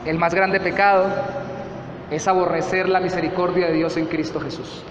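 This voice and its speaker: A man's voice: sits high, flat delivery, moderate pace, background noise. A Colombian man preaching a sermon as pastor, earnest and repeating phrases for emphasis. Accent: Colombian Spanish. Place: church hall. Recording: echoey church hall, slightly dull.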